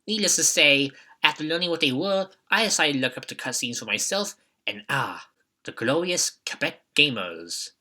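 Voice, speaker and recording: A young adult man with a bright, pushed, mid-range voice narrates a scripted, jokey YouTube retrospective. His manner is wry and mock-dramatic.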